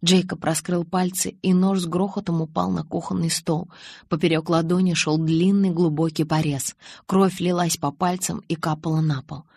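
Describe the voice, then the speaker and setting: A woman narrating an audiobook in the first person, with a lively, expressive way of reading the dialogue. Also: on the low side, moderate pace, vocal fry, slightly rough, no room sound.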